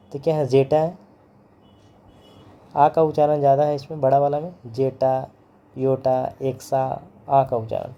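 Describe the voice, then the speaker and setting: A man's voice: medium pitch, vocal fry, mellow. A man teaching physics in a lecture, repeating each term and its pronunciation over and over, mixing English terms into his Hindi. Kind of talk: classroom lecture.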